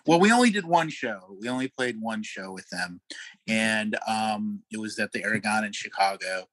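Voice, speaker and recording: A middle-aged man, a guest musician, telling animated road stories in a casual interview, laughing often and pausing on fillers. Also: fairly low pitch, dry recording, low-quality recording.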